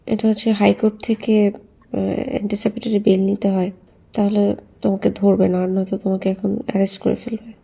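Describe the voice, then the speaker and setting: A woman's voice: medium pitch, level tone, fairly quick, gravelly, dark tone, breathy edge. A Bangladeshi woman asking questions and giving advice in a private phone conversation. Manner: questioning and advising.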